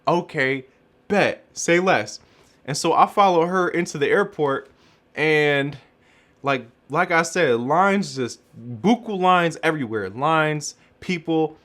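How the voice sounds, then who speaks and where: A young man from Chicago telling a travel story in a casual, animated way, full of slang and acted-out quotes. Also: fairly high pitch, a little slow.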